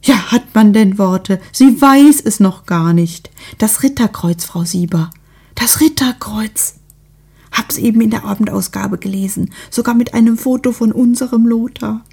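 A woman's voice: mid-range voice, normal speed, gravelly, few pauses, dark tone, slightly rough. A woman voicing a nosy, gushing middle-aged female neighbor who chatters eagerly and fawningly.

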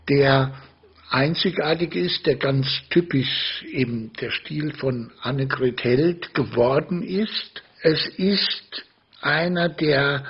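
A man talks through a novel slowly and thoughtfully, with long pauses. His voice is gravelly and very raspy, and the recording is muffled and lo-fi. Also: fairly high pitch. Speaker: literary moderator interviewing the author. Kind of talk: reflective conversation about a book.

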